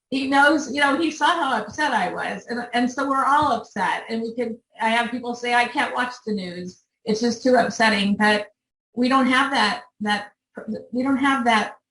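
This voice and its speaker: A woman's voice: a little high, fairly bright tone. Earnest older woman addressing a meeting. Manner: earnest, halting, emotional. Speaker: volunteer organizer. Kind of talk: speaking to a meeting. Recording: roomy sound from a distant mic.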